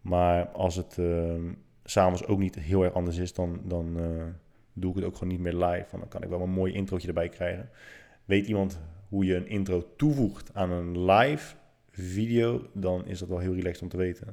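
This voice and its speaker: A man in his thirties hosting a live stream, telling stories in a casual, animated way, swearing and joking at his own expense. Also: deep voice, moderate pace, gravelly. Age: 30s. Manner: animated, swearing, self-mocking. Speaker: livestream host. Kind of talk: casual storytelling monologue.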